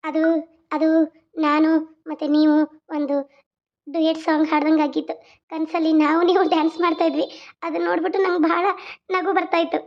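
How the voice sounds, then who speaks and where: A woman voicing a shy, sweet young woman in love who speaks softly. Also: very high voice, little pitch movement, brisk, long pauses, dull audio. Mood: bashful. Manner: bashful, soft.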